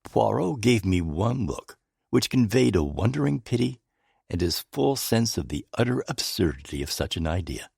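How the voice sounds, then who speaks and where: A man reading a mystery novel aloud as a first-person narrator, measured and storytelling. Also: sing-song, vocal fry, a little mellow, husky, dry recording, clean studio sound. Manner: measured, storytelling, with wide pitch movement. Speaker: audiobook narrator.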